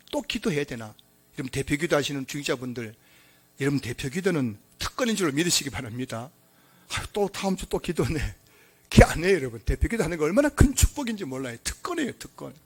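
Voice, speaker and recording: A male pastor delivering a sermon to his congregation, his pitch leaping up and down with lively expression. He mixes loud, emphatic lines with soft, low-key asides, and he speaks at a middle pitch. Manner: emphatic, swings between loud exclamations and quiet asides.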